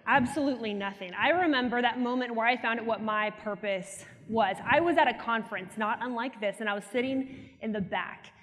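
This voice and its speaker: A young woman giving an animated, teasing motivational keynote on a conference stage through a headset mic. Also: fairly high pitch, brisk. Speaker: keynote speaker. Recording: hall reverb from a conference stage.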